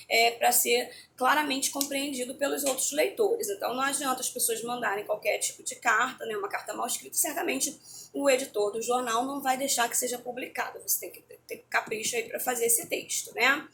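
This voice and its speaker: Chatty woman teacher, slightly gravelly voice. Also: fairly high pitch, fairly bright tone, a little hiss or hum. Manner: chatty, explanatory, checks in with "né?" and "tá, gente?". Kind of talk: remote lesson explaining a textbook.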